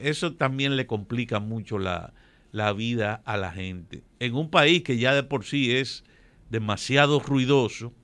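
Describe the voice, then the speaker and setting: A man giving political commentary on a radio show, measured and prone to correcting himself. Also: medium pitch, fairly bright tone, dry recording. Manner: measured, digressive, self-correcting.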